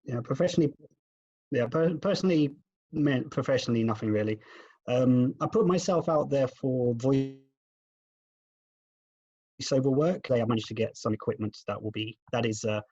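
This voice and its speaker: A man speaking over a video call whose glitchy audio keeps cutting out. The sound is dull, dry and lo-fi, and he talks in a halting, candid way, often restarting his sentences. His voice sits at an ordinary pitch. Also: warm tone, slightly rough, no echo. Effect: glitchy audio cutting out over a weak connection. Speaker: team member on a group video call. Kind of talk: casual video call check-in.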